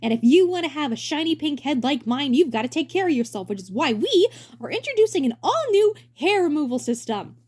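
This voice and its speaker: A woman voicing a dim, excitable younger-brother turtle in a cartoon story, with hammy, theatrical enthusiasm. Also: high voice, a little fast, few pauses, voice pushed up. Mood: showy presenter.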